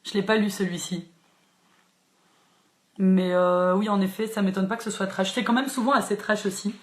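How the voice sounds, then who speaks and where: A woman's voice: mid-range voice, fairly even intonation, normal speed. A woman who hosts a live book chat and talks casually with many fillers and restarts. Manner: chatty, frequent fillers and restarts, laughs easily. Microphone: phone or laptop live stream. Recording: echoey room.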